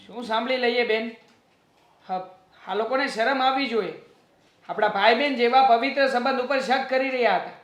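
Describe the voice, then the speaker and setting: A man's voice: very high voice, normal speed, fairly bright tone. A man playing a hurt young man who confronts the family with indignant complaints. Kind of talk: family drama acting. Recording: roomy echo.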